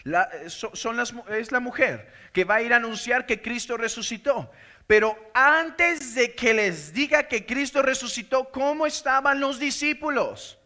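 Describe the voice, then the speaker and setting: A male pastor preaching a sermon and reading scripture aloud, emphatic, swinging between loud declarations and hushed asides. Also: very high-pitched, lively intonation, a little slow. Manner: reads scripture aloud and explains it.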